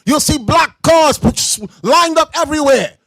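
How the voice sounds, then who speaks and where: A man teaching scripture to a class, loud and confrontational, breaking into shouts and explaining verses in everyday slang. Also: very high-pitched, measured pace, dry recording. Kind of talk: street-style preaching commentary.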